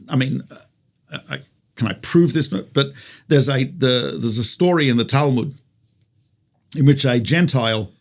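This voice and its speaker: This Australian rabbi's mid-range voice is gravelly as he gives conversational religious teaching through storytelling and rhetorical questions.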